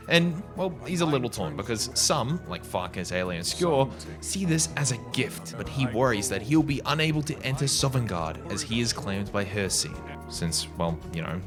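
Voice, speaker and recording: A man hosting a gaming video, delivering scripted commentary in a sarcastic, jokey manner with frequent swearing. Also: on the low side. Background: background music.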